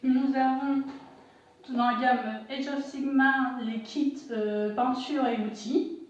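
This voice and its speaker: A woman's voice: high-pitched, steady tone, takes it slowly, muffled recording, a little hiss or hum. A woman presenting an unboxing for her shop in casual commentary, hesitant, with many fillers and self-corrections. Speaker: shop owner unboxing products. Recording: echoey room, voice far from the mic.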